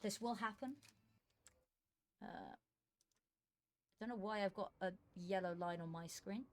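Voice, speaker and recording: Speaking a little slowly at a medium pitch, this esports streamer and commentator sounds tired and worn. She talks casually into a desk microphone while setting up her live stream, slipping between chatty asides and muttering to herself.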